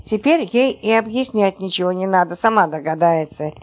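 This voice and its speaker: A woman reading the part of a calm, matter-of-fact man giving advice. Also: medium pitch, moderate pace, natural voice. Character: calm composed man hiding under a bed.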